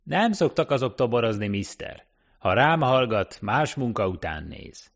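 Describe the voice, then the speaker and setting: A man's voice: mid-range voice, sing-song, creaky, voice pushed up. A man voicing a surly, dismissive male cab driver in an audiobook reading, curt and grudging.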